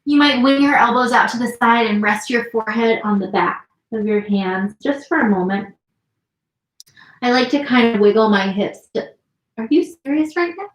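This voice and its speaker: A young woman teaching a yin yoga class from home, giving slow, soothing instructions with gentle pauses. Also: fairly high pitch. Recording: roomy echo.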